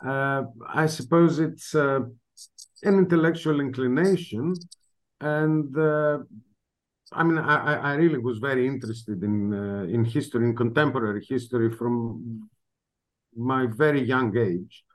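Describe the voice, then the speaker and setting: A man's voice: mid-range voice, unhurried. Middle-aged Greek-accented man, history professor, hesitant and reflective. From northern Greece. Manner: hesitant, many fillers and restarts. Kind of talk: reflective interview answer.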